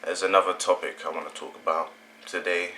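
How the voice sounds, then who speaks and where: A man's voice: low voice, fairly even intonation, fairly quick, sharp tone, rough recording. A young British man from England hosting his channel, talking through an opinion in a casual, rambling way and often correcting himself. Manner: rambling, self-correcting, conversational. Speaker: channel host.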